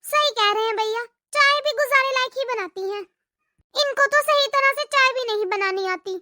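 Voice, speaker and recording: This is a spoiled, complaining young wife in a cartoon, voiced by a woman. Her voice is extremely high and very sharp. The recording is dry and close. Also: normal speed, no room sound. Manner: complaining, whiny.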